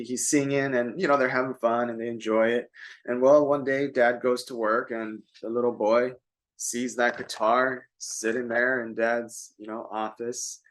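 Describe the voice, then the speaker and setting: A man co-hosting a casual self-help talk. He tells stories at an easy, conversational pace with a mid-pitched voice and lots of filler words. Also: fairly bright tone. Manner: storytelling, conversational, many fillers. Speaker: co-host.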